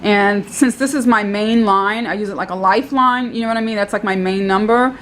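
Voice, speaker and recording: A woman's voice: medium pitch, a little fast, fairly bright tone, slight background noise. A woman calling tech support, talking in a rambling, insistent way and repeating herself. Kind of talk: phone call recorded by caller.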